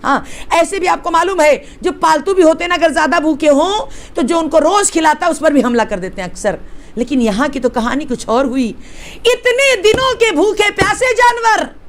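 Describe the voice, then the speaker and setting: A woman's voice: extremely high pitch, lively intonation. A woman religious teacher from Hyderabad, India, telling a sacred story to women with drama and rhetorical questions to her listeners.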